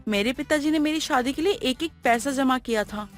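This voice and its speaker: A woman voicing a soft-spoken, patient young daughter-in-law who talks slowly and gently in an animated moral story. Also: sits high, soft background music, natural voice. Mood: gentle, calm.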